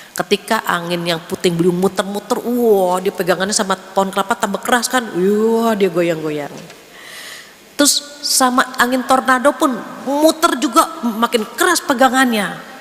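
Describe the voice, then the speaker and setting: A woman preacher giving a lively sermon, acting out voices and prayers as she tells stories, then answering questions. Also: mid-range voice. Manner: animated storytelling, acts out voices and prayers. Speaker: Islamic preacher. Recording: reverberant hall, faint ambient noise.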